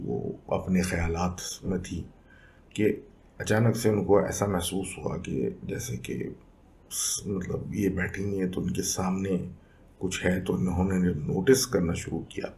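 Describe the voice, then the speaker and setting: A man narrates listener-sent stories as a podcast host. His voice sits low and warm, and he talks in an unhurried, conversational way, slipping English phrases into his telling. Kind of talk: casual storytelling narration.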